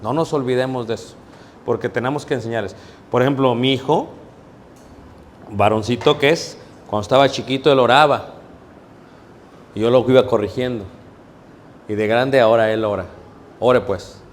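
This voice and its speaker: A man's voice: medium pitch, normal speed, long pauses, slight background noise. A male preacher teaches a sermon class. He asks his congregation questions and acts out the voices he quotes.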